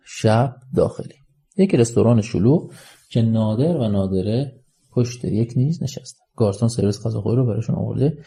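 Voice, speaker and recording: A man narrating an audiobook written as a screenplay, reading stage directions and scene headings in a measured way. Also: fairly low pitch, creaky, mellow, slightly rough. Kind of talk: scripted narration of a screenplay-form story.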